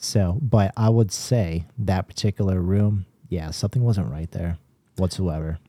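A man co-hosting a paranormal podcast, explaining his views in a measured casual way with restarts. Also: sits low, fairly even intonation, mellow, dry recording, studio quality. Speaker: podcast co-host, paranormal investigator. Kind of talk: casual chat.

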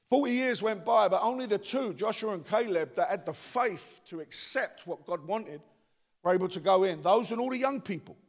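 With a high-pitched, slightly bright voice, a Cockney man from the East End preaches a stirring sermon as pastor, drawing responses from the congregation. The church lends a long reverb.

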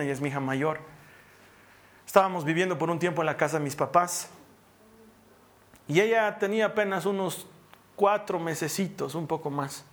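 A high-pitched man with a Bolivian Spanish accent delivers a sermon from the pulpit. He swings between forceful, raised exhortation and soft, hushed stretches. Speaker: pastor.

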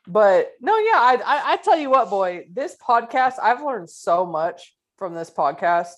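A woman's voice: medium pitch, big pitch swings, measured pace. A woman from California co-hosting a podcast in casual chat. She rants, tells stories and swears freely. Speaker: podcast co-host.

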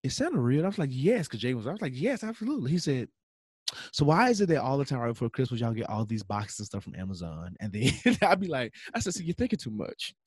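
A man's voice: medium pitch, very animated, fast talker, husky, no echo. A man, telling stories casually as a podcast co-host and animatedly acting out dialogue.

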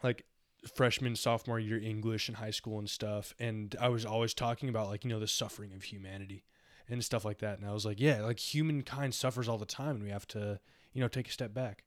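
A man's voice: on the low side, fairly even intonation, brisk, dry recording, clean studio sound. Rambling young man musing philosophically. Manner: rambling, reflective, heavy use of "like". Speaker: podcast co-host. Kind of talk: casual philosophical chat.

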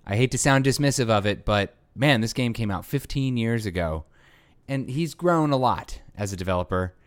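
A man of ordinary pitch co-hosts a casual board game chat. He jokes, rambles and throws in quick asides as he talks. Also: animated. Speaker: podcast co-host.

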